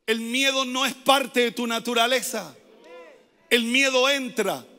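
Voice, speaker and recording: A man preaching as a pastor, emphatic, repeating his phrases and rising at times to shouted pleas. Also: extremely high pitch, a little slow, clear, resonant tone, in a large hall. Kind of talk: sermon.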